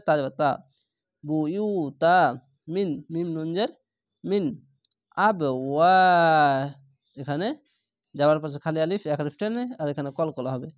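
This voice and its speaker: Slightly high-voiced man teaching recitation. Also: dry recording, clean studio sound. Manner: spells out each syllable, then recites the word slowly and drawn out; patient, explanatory tone, repeating rules. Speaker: Quran reading teacher. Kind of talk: letter-by-letter recitation lesson.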